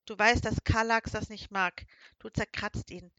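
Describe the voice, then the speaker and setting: A woman's voice: mid-range voice, steady tone, measured pace, a bit bright, no echo, close to an everyday voice. A woman reads as a caring young teenage witch in a children's audiobook, coaxing and soothing her frightened friend. The recording is dry and a little muffled. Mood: urging.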